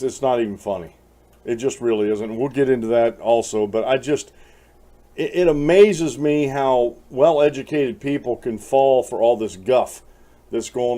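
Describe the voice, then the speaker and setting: Man, commentary host, mellow voice, rambling, lots of fillers. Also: medium pitch. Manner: rambling, frequent restarts and fillers, addresses folks; chuckles while reading aloud. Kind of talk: casual political commentary.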